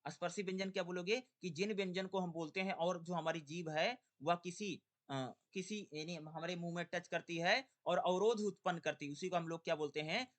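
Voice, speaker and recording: A young man teaching an exam-prep lesson, asking rhetorical questions and answering them himself, and drawing syllables out slowly in his drills. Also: high voice, a bit bright.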